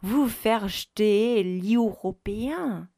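A woman voicing a cheerful young male foreign camper who speaks slowly in broken, mixed-language phrases. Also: mid-range voice, mellow, dry recording, clean studio sound. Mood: eager.

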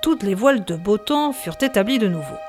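A woman narrates a novel in a measured, expressive voice of middle pitch. Faint music plays quietly underneath her reading. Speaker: audiobook narrator.

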